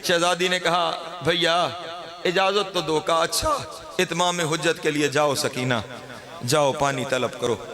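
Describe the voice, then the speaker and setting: A man's voice: on the high side, fairly even intonation, unhurried, crowd noise. A man with a Pakistani Urdu accent reciting a mourning sermon, lamenting and rising to wailing cries. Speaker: Shia cleric reciting a majlis.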